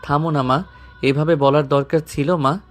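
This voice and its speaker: A woman's voice: deep voice, steady tone, faint music behind, pitched below the performer's own voice, lightly acted. A woman voicing a wounded young man, hurt but firm. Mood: firm, pleading. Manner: slow, strained from pain.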